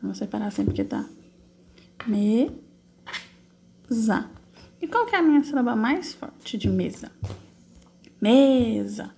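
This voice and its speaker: A woman's voice: fairly high pitch, wildly swooping pitch, creaky, darkish tone, a little hiss or hum. A woman teacher, patiently correcting exercises in an online class, asking questions and answering them herself step by step. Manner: slow, drawn-out syllable spelling while typing.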